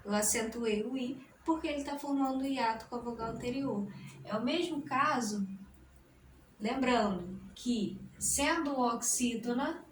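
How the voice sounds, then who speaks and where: A woman teacher talks through a grammar lesson at a slow, careful pace in a slightly high voice. She spells words out syllable by syllable. The recording is roomy and echoey, with her voice set back from the mic over a faint hiss. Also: recorded from a distance. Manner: deliberate, splits words into syllables. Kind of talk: explaining a grammar lesson at a board.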